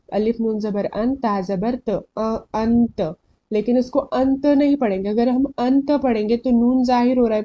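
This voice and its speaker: A woman's voice: fairly high pitch, dark tone, dull audio. A woman teaching a recitation lesson from slides, patiently repeating rules and quizzing her learners, often switching into English phrases. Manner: patient, repeats and asks questions back to learners; mixes English phrases into Hindi.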